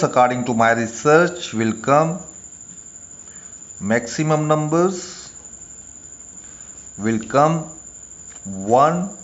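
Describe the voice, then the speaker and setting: A man who speaks as a narrates an instructional video as a presenter, speaking deliberately in short phrases with pauses. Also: mid-range voice, fairly bright tone, dull audio. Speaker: lottery tips presenter.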